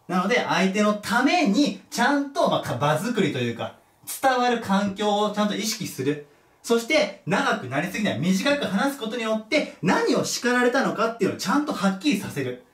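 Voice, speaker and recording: A man's voice: high voice, very animated, moderate pace, a bit bright. A male teacher giving a casual lecture, thinking aloud and correcting himself as he goes. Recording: echoey room, mic at a distance.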